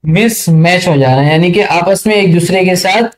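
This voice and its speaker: High-voiced man teaching a chatty tech lesson. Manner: chatty, keeps checking understanding; reads English passages slowly and haltingly. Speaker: networking tutor. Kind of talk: screen-share tech lesson.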